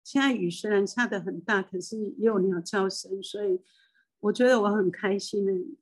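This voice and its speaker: An older Taiwanese woman, a spiritual medium and hypnotist, speaks with a Taiwanese Mandarin accent in a mid-range voice, fairly even in intonation and at normal speed. On a rough recording, she delivers a rambling, emotional personal monologue full of restarts.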